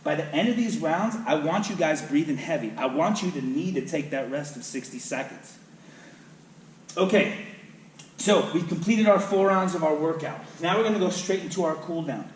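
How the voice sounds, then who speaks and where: A man leads a home workout lesson, talking through each exercise and counting reps while he demonstrates. His voice sits a little high for a man. He is recorded from a distance in a roomy gym with faint background noise. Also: animated, moderate pace. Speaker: fitness trainer. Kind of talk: instructional workout video. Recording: echoey room, voice from off-mic.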